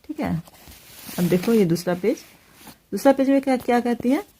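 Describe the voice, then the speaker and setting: A woman teacher explaining a Hindi poem line by line, pausing often with fillers. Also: on the high side, lively intonation, dark tone, a little hiss or hum. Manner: hesitant, many fillers, explains each phrase.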